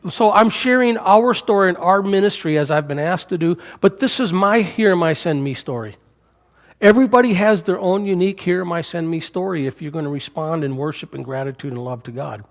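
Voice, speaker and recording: A man's voice: sits high, brisk. A man in his sixties, an American missionary, giving a folksy, joking missions talk to a church congregation. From United States. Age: 60s. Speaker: missionary speaker. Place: church sanctuary. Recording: hall reverb in a church.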